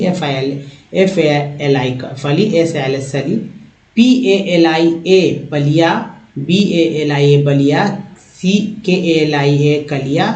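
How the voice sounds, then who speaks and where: A man teaching English pronunciation, chanting letter names and the sounds they make in a quick repetitive drill. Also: a little high, a little mellow. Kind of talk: spelling drill lesson. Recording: echoey room.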